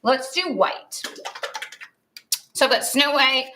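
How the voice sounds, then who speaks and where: A woman's voice: high-pitched, takes it slowly, background noise. A woman demonstrating stenciling on a craft livestream, chatty and playfully teasing her co-host.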